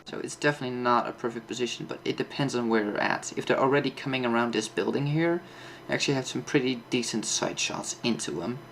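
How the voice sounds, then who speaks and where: A man's voice: mid-range voice, quick pace, gravelly, few pauses, a bit bright, a little hiss or hum. A man giving a casual, off-the-cuff game tutorial, thinking aloud and explaining as he plays. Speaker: host of a tank game map guide.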